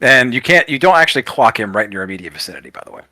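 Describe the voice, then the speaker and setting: Male game master, bright forceful voice, dry close sound, playful narration. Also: medium pitch, very animated, no echo. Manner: quick, playful narration with frequent laughs.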